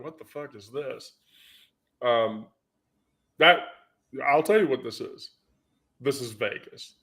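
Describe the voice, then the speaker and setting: A man's voice: mid-range voice, fairly bright tone. A man vlogging in casual storytelling mode, rambling and profane, with many fillers.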